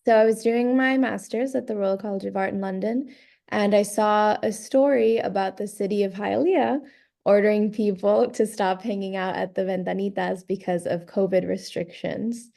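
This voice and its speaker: Warm, gravelly woman guest. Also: mid-range voice, moderate pace. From raised in Miami, born in Guatemala. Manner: relaxed storytelling, laughs easily. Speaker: guest, author and graphic designer. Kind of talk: casual interview. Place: London.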